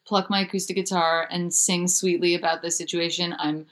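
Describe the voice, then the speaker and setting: A young woman who writes and makes music speaks openly in an interview at a moderate pace. She's talkative, restarting sentences and using plenty of fillers, and her voice leaps higher when she gets excited.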